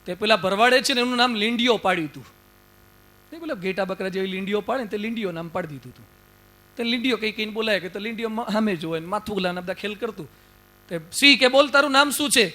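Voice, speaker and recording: A man's voice: high-pitched, fast, pushed and bright. A man preaching a sermon as a monk, telling folksy, humorous stories and urging his listeners on. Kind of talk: storytelling sermon.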